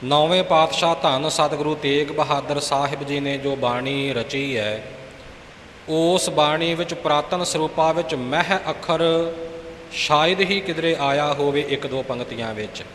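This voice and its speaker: A man's voice: on the high side, moderate pace, a bit bright. A man teaching scripture, patiently explaining and correcting pronunciation. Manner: patient, instructive, corrects recitation point by point. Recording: echoey hall with faint hiss.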